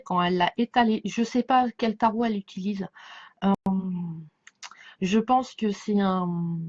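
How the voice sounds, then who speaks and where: A woman with a slight lisp chatting casually as a tarot reader, halting and circling back, often leaving thoughts unfinished. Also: mid-range voice. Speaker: tarot card reader giving a reading to followers. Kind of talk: casual rambling chat over a tarot spread. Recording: dull lo-fi sound.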